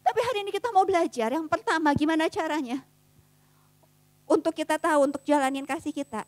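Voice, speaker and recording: High-voiced woman preaching casual youth sermon. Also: quick pace, no room sound. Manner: casual slangy preaching, swings between soft and fervent. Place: church youth service.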